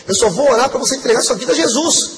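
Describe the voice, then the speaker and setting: High-voiced man preaching in a reverberant hall. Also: lively intonation, very fast. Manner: earnest, emotional storytelling, addresses the congregation. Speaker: preacher giving testimony. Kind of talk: testimony sermon. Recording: long hall reverb, faint background noise.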